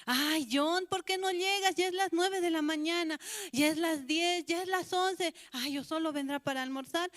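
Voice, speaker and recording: A woman's voice: very high-pitched, moderate pace, fairly bright tone, voice pushed up. A woman with a Bolivian Spanish accent voicing an anxious, doting mother who sighs "ay" and frets aloud. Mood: anxious waiting. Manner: fretful, sighing "ay".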